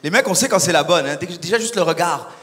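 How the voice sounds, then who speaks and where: A young man doing a stand-up comedy set on stage, animated and acting out little scenes. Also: a little high, quick pace. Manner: animated, acts out voices and characters. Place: large concert hall on stage. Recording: live hall with long reverb.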